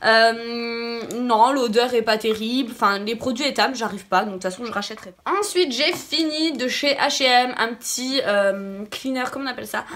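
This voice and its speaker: A woman with a fairly high voice and a noticeable lisp that makes her s sounds slushy. She sounds a little sick and talks casually to her viewers as a beauty vlogger, repeating words for emphasis. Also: moderate pace, few pauses, a bit bright. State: slightly sick voice. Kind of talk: casual product review chat to viewers.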